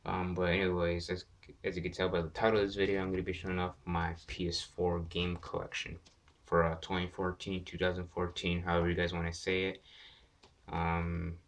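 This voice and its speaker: Low, hushed young man at night. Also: completely flat delivery, brisk. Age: young adult. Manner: keeps voice low and quiet at night, people asleep nearby; rambling, hesitant, self-correcting. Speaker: video game vlogger. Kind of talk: casual chat to camera. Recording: voice distant from the mic.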